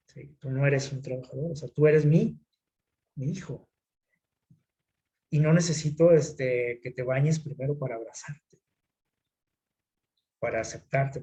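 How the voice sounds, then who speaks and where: A man's voice: mid-range voice, a little mellow. A man preaching a sermon in a conversational way, often putting rhetorical questions to his listeners. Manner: conversational, asks the audience frequent rhetorical questions.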